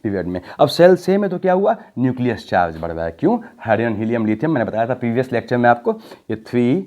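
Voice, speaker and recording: Lively, mellow-voiced male chemistry teacher. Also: medium pitch, fast talker. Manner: talks the class through steps with rhetorical questions; mixes Hindi with English technical phrases, drawing out key words. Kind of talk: explaining at a board in a recorded lecture. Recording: dull lo-fi audio.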